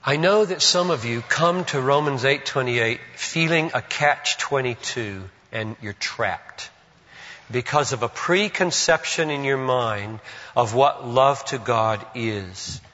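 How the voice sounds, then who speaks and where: Older man preaching in a reverberant hall. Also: mid-range voice. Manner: earnest, swings from loud exhortation to hushed reflection; slow, deliberate repetition of phrases. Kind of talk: sermon. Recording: long reverb, dull lo-fi sound.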